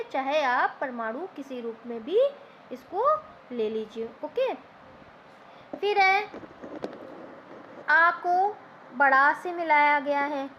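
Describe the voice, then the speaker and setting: A woman's voice: high voice, sharp tone. A woman teacher, explaining grammar step by step and asking and answering her own questions. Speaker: Hindi teacher. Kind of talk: classroom grammar lesson. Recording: slightly dull lo-fi recording with faint noise.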